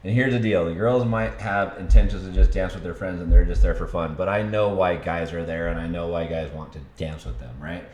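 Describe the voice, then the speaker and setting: A man's voice: low-pitched, steady tone, fairly quick, hardly any pauses, darkish tone. A man co-hosting a casual couple chat, speaking bluntly and teasingly. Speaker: podcast co-host. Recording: echoey room.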